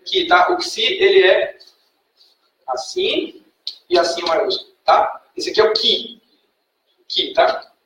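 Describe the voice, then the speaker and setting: A Brazilian Portuguese-speaking man teaching a class, patiently quizzing students and checking in with a quick "tá?" after each point. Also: high-pitched, wildly swooping pitch, sharp tone, recorded from a distance, slight background noise. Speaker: Greek language teacher. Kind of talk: classroom lecture. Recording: echoey classroom recorded from afar.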